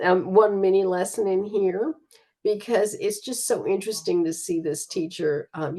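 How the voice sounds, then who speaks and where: A woman talks through her slides in a casual, easygoing way, stopping often for fillers. Her voice sits a little low and sounds mellow and warm. She is recorded on a computer mic while sharing her screen. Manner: relaxed, chatty, with frequent fillers. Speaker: student presenter.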